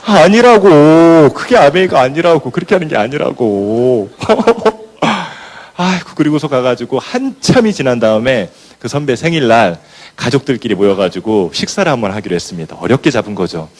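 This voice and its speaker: A man giving a motivational talk to business partners, telling stories and acting out scenes as he goes. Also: mid-range voice. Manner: animated storyteller who acts out scenes. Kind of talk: motivational speech with storytelling.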